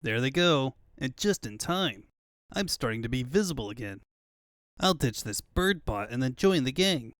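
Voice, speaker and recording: A man's voice: medium pitch, expressive, normal speed, a bit bright, dry recording, studio quality, lightly acted. Man as cocky young Sonic the Hedgehog. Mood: breezy. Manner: breezy, cheeky. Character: cocky young male hedgehog hero, cool and cheeky.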